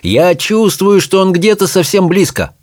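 A man voicing a brisk, no-nonsense middle-aged witch who is also a mother, in a storybook reading. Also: high-pitched, big pitch swings, no echo, clean studio sound, voice pushed up.

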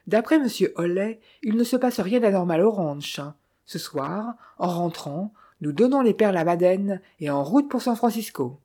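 A woman reading the lines of an impatient young heir with brisk, offhand talk. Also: medium pitch, lively intonation, dark tone, husky.

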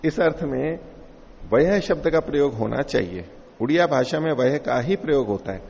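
A man teaching a scripture class, explaining terms patiently with a gravelly voice. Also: on the high side, lively intonation, normal speed, a little mellow, slight background noise. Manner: explanatory, laughs along with class. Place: lecture hall. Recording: echoey lo-fi hall recording.

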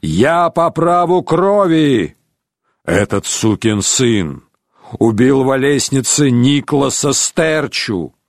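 A man voicing a gruff, hostile knight who growls insults in an audiobook. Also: medium pitch, very animated, slow pace, no room sound, clean studio sound. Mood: angry. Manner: growling, abusive.

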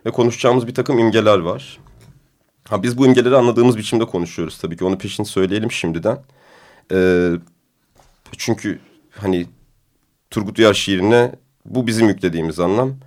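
A man hosting a radio discussion program, with a deep, booming voice and a relaxed, hesitant delivery full of fillers. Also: brisk, pauses often. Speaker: radio show host.

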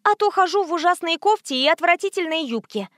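A woman voicing a rude, volatile young woman with a shrill, scornful way of shouting. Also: lively intonation, brisk, no echo, studio quality. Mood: demanding.

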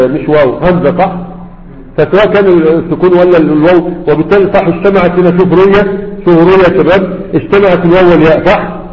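A man with an Egyptian accent giving a grammar lesson who keeps checking with his students, asking "right?". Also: sits high. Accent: Egyptian Arabic. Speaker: teacher of Arabic grammar. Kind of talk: classroom lecture. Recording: echoey hall, dull lo-fi sound.

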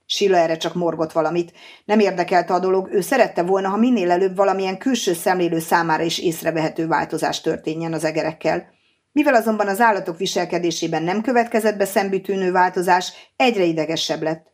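A woman narrates an audiobook in scripted narration, reading at a steady, even pace. Her voice sits somewhat low.

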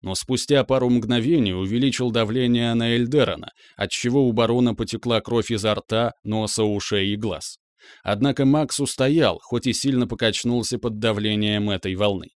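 A man narrating an audiobook in a steady, expressive storytelling voice. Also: medium pitch, normal speed, no room sound, clean studio sound.

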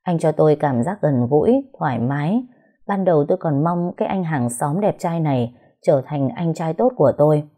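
A woman narrating a story in the first person, calm and unhurried. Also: deep voice.

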